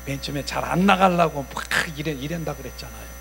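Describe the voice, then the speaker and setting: A male pastor preaching a sermon with passion, rising to loud commanding declarations. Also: fairly high pitch, fast, vocal fry, slight background noise.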